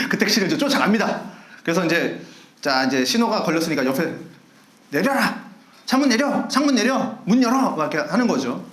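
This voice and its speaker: A man preaching a sermon as pastor, telling a story with lively acted-out shouts and laughter. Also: fairly high pitch, echoey room. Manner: animated storyteller acting out angry shouts and laughing. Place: church sanctuary.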